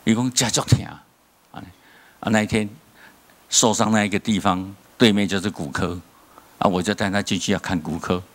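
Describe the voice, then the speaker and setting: A man with a fairly low voice preaching in a Taiwanese Mandarin accent. He tells stories with energy and keeps tossing rhetorical questions to the congregation. He chuckles at his own jokes as he goes. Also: steady tone, normal speed. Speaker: pastor. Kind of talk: sermon. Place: church.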